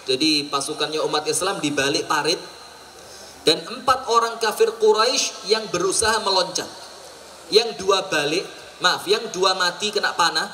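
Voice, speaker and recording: A man's voice: high-pitched, pushed and bright, a little hiss or hum. A man with an East Javanese accent preaching a storytelling sermon at a public event, acting out characters and slipping into local slang and Arabic phrases. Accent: East Javanese Indonesian. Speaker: Islamic preacher. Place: outdoor food festival stage. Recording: distant mic with background ambience.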